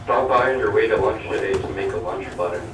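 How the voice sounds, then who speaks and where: Man, lower voice, school intercom loudspeaker, echoey, distant, noisy classroom. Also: quick pace. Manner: steady, even reading of names and notices. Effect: over a school intercom loudspeaker. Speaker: school announcer. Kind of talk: reading morning announcements. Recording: echoey loudspeaker heard from far off with background noise.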